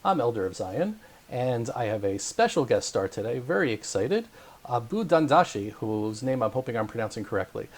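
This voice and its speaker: A man's voice: medium pitch, sing-song, moderate pace. A man hosting a remote interview, chatty and hesitant with many "um"s, laughing often. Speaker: interview host.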